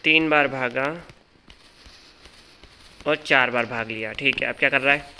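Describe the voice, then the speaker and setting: A man giving excited live commentary as he calls out a boss's moves and talks to his character. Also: medium pitch, measured pace, slight background noise. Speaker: gaming channel host.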